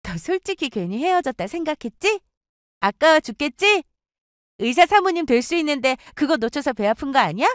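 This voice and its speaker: Jealous gloating young woman, put on by a woman narrator, high needling voice, dry close sound. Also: big pitch swings, fairly quick, no echo. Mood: taunting. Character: jealous, taunting young woman, a former friend. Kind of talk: storytelling with acted dialogue.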